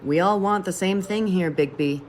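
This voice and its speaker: An actress playing a tired police detective in a video game, persuasive but firm. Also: female voice, fairly low pitch, normal speed, darkish tone, slight background noise, close to an everyday voice. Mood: coaxing. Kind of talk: dramatic video game acting.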